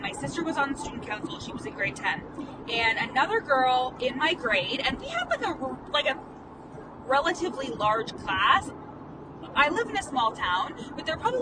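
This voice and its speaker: A life coach and podcast host in her late twenties records a casual vlog monologue while driving. She stutters and rambles candidly, filling her talk with "like" and the odd swear in a slightly high voice. Her phone mic sits at a distance in the car, and steady road noise is clearly audible.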